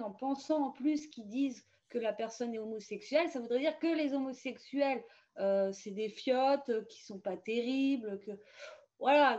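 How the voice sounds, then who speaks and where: A woman's voice: a little high, a little mellow. A woman presenting youth information in a casual, hesitant way, full of fillers and restarts, over a video call. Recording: dull lo-fi video call audio.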